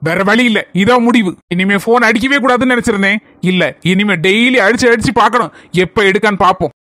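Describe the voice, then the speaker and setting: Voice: medium pitch, fast, a bit bright, faint music behind, lightly acted. A performer with a Kanyakumari Tamil accent voicing a stubborn young son in a cartoon. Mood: resolved. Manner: pleading, resisting. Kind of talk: cartoon voice acting.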